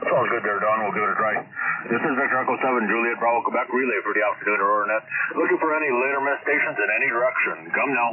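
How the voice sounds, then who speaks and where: Fast-talking man over crackling ham radio. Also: mid-range voice. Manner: brisk, friendly operator lingo. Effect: heard over a static-filled ham radio link. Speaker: amateur radio relay station. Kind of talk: radio net calls and chat. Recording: tinny shortwave radio with heavy static.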